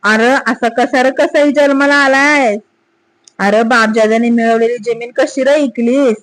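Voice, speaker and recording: A woman's voice: fairly high pitch, fairly even intonation, measured pace, natural voice, rough recording. A woman voicing a furious old village mother who scolds in rustic dialect. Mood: scolding.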